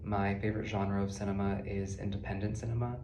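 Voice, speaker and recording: A young man in his twenties, a film student, delivering a prepared introduction in a flat, even way. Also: lowish voice, fast talker. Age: 20s. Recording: roomy echo with clear background noise.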